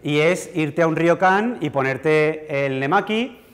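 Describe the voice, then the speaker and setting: A man's voice: on the high side, lively intonation, slow pace. A man giving a university lecture in a conversational, self-deprecating way, often checking in with the audience. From Spain. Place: lecture hall. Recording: reverberant lecture hall.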